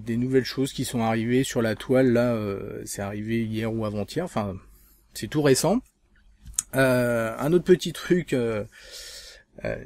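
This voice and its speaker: A man's voice: medium pitch, warm tone. A man from France hosting a casual video blog, speaking hesitantly with many fillers and restarts. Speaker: vape channel host.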